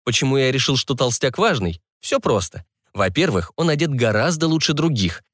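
Brief: male audiobook narrator, lively melodic delivery, dry close mic. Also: mid-range voice, normal speed, no room sound. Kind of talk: scripted first-person narration.

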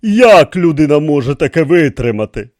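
A man's voice: on the high side, sing-song, moderate pace, no echo, studio quality, voice pushed up. A man voicing a sarcastic young king. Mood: indignant. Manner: sharp, incredulous questioning.

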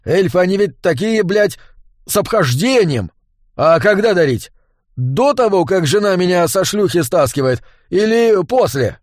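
Man doing a loud, tipsy tavern keeper. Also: high-pitched, animated, unhurried, dry recording, clean studio sound, voice pushed up. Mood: complaining. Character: drunk bearded male tavern keeper, boastful and sly. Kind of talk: audiobook character voice.

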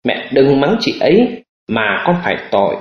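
A man's voice: on the high side, very animated, normal speed, gravelly, echoey room, muffled recording. A man voicing a spoiled young daughter in an audiobook, speaking in a sugary, pleading way.

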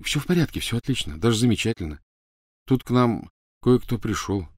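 Man doing a teenage boy wizard, slightly raised pitch, urgent, calling out. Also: animated, fairly quick, no room sound, studio quality, natural voice. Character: teenage boy wizard, trying to calm things.

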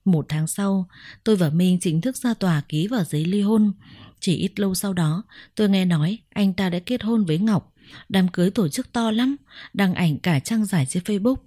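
A woman narrating a first-person story in a measured, reflective way. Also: mid-range voice, mellow, dry recording, clean studio sound.

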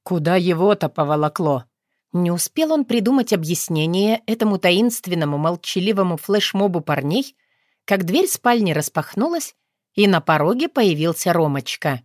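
A woman reading a novel aloud as audiobook narrator, measured and unhurried. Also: fairly low pitch, animated, no room sound, clean studio sound. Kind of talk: scripted narration.

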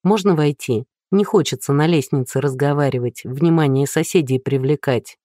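A woman's voice: low-pitched, moderate pace, dry recording, clean studio sound, close to an everyday voice. A reader doing a tactful, firm woman police captain. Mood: steady. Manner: calm, delicate, firm.

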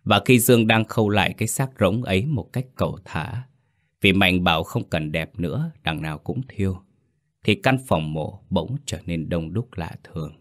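A man reads a horror story aloud in a scripted, dramatic way. His voice sits deep and low. He tells the story in a measured pace. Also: expressive.

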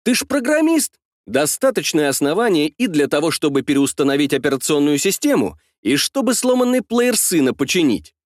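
Guy reading an audiobook, wry and chatty, high lively voice, dry sound. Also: a little fast, dry recording. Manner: wry, colloquial. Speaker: audiobook narrator. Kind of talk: first-person audiobook narration.

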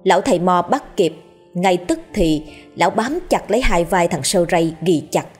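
A woman telling a scripted ghost story in a steady, dramatic storyteller's manner. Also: on the low side, normal speed, slightly rough, faint music behind. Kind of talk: scripted horror story narration.

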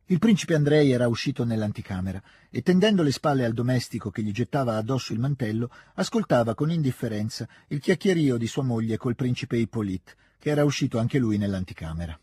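A man giving a calm, measured scripted reading of a classic novel. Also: medium pitch, slightly rough, no room sound, clean studio sound. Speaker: reader. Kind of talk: scripted literary narration.

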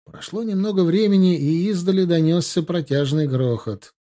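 A man's voice: sits high, normal speed, warm tone. A man narrating a historical war novel as an audiobook.

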